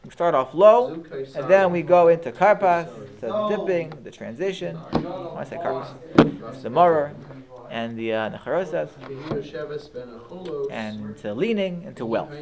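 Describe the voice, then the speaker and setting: A man's voice: a little high, animated, unhurried, vocal fry, pauses often, over a noisy crowd. Earnest man teaching Haggadah. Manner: earnest, repeats words, sprinkles in Hebrew terms. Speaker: Torah teacher. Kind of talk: explaining Passover Haggadah to a listener.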